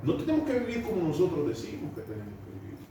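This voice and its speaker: Animated male preacher in an echoey hall. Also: a little high, very fast. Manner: preaching with rhetorical questions to the congregation; asides and chuckles mid-sermon. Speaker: pastor. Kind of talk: sermon. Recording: very echoey hall, voice from far off, faint noise.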